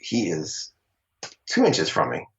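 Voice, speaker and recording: This middle-aged actor, hailing from Long Island, New York, tells chatty, laugh-filled stories about starting out in acting during an informal interview. He has a low-pitched voice with huge pitch swings and a slow pace. The sound is dull and lo-fi.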